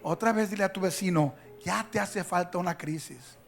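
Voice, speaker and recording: A man preaching a sermon. He has a strong voice and swings from quiet asides to loud, emphatic calls. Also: sits high, normal speed, creaky, soft background music. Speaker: pastor.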